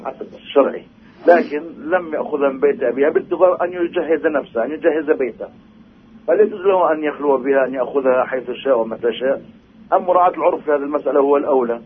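A man's voice: fairly high pitch, racing. Male caller on a noisy phone line. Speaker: caller to a radio programme. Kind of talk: careful question-asking in mostly formal Arabic. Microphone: telephone.

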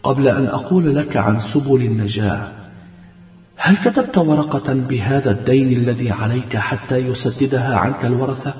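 A man voicing a gentle glowing spirit that speaks softly and calmly to reassure the dead. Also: medium pitch, normal speed, natural voice. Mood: calm reassuring. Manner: hushed, calm and soothing. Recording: roomy, dull lo-fi recording.

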